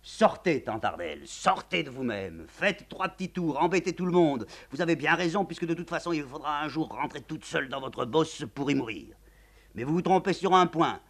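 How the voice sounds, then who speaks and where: A man's voice: a little high, expressive, moderate pace, fairly bright tone, voice pushed up. A man voicing a weary aristocratic count with dry, mocking irony, reading a stage play.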